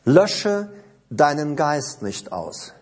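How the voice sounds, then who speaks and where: A man preaching a sermon in a slow, emphatic, deliberate way. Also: a little high, very animated, a little mellow.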